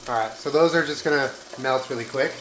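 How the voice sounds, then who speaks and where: A young man walking through a home cooking demo and tasting the food, easygoing and relaxed. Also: medium pitch, fast, a little hiss or hum. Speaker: home cook. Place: home kitchen. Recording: echoey room, faint music.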